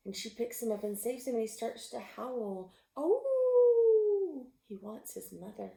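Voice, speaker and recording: Gravelly woman reading a picture book aloud. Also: mid-range voice, normal speed. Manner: expressive, with gasps and animal sounds; drops to a whisper at tense moments. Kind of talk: storybook read-aloud. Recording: roomy echo.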